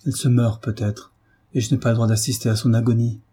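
A man's voice: mid-range voice, little pitch movement, fast, warm tone, breathy edge, close to an everyday voice. A man voicing a young man desperate with love, his speech pleading and breaking with emotion. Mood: anguished.

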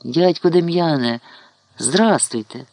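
Man doing a young soldier heading home, quiet, short answers, polite, bit gravelly. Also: fairly high pitch, lively intonation, takes it slowly, full character voice. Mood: subdued.

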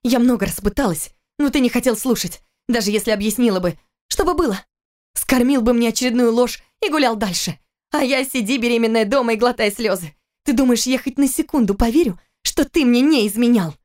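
A woman's voice: a little high, fairly quick, darkish tone, voice pushed up, natural voice. A woman reading an audiobook, voicing a furious, bitter young wife and mother who accuses her husband in a raised, heated voice.

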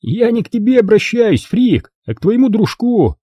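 A man reading an audiobook, voicing a crude, mocking teenage boy bully with a husky voice. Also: high-pitched, very animated, moderate pace, mellow, no room sound, clean studio sound, pitched above the performer's own voice. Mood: sneering. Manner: mocking, theatrical taunting.

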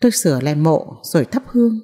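A woman narrating a novel in the first person as an audiobook reader, in a measured, mournful way. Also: sits low, expressive, mellow, long reverb tail.

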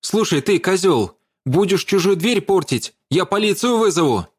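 A man's voice: sits high, lively intonation, pitched above the performer's own voice. A man doing a chattering, bold young woman. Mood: defiant. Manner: rapid chatter. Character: bustling young woman, quick-tongued and bold.

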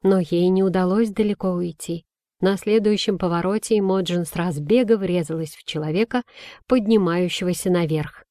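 A woman reading a children's fantasy story aloud, with clear, even storytelling. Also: on the low side, normal speed, dry recording, clean studio sound. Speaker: audiobook narrator. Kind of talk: scripted storybook narration.

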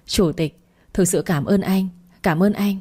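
A woman's voice: medium pitch, measured pace, warm tone, slightly rough. A woman reading the lines of a humble, grateful male construction worker in a storybook, in an earnest way.

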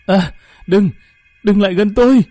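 A man's voice: sits high, unhurried, mellow, no room sound, pitched above the performer's own voice. A man doing a trembling, frightened schoolgirl. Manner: trembling, stammering.

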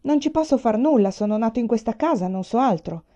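A woman's voice: mid-range voice, normal speed, mellow, lightly acted. A woman voicing a nervous young man from a rich family who talks in a hurry, stammering and defensive. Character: nervous young rich Chinese student, male. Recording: dull lo-fi recording.

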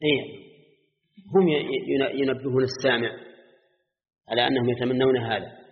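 A man's voice: medium pitch, fairly even intonation, normal speed, a little hiss or hum. A male scholar giving a classroom lesson on Quranic grammar. He explains step by step, checks with short questions to his students and chants the verses he quotes. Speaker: Islamic scholar teaching Quran exegesis. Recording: dull lo-fi recording in a reverberant hall.

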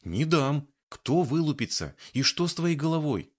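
A man's voice: big pitch swings, moderate pace. A male audiobook reader voicing a frightened, indignant young woman who scolds and nearly cries, raising his voice well above his own. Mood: alarmed. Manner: shrill, scolding, near tears. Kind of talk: audiobook character voice.

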